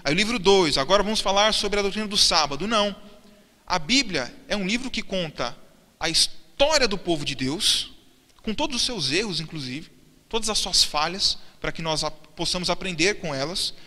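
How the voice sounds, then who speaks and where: Guy preaching in church, kinda high voice, asks the room stuff then answers it, big echoey hall. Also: lively intonation, moderate pace, sharp tone. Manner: asks the congregation questions and answers them himself. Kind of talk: sermon. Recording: church sermon with long reverb and faint music.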